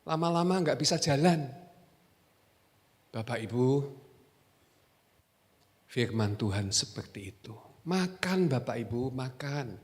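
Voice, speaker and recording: A man preaching a sermon as pastor, animated and joking, repeating his exhortations. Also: mid-range voice, slow pace, pauses often. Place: church hall. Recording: echoey church hall.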